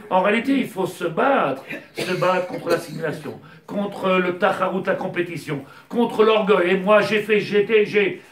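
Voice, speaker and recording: A man teaching a Torah lesson with passion, his voice climbing to near-shouting as he mixes in Hebrew terms. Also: sits high, moderate pace. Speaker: rabbi teacher. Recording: echoey room, mic at a distance.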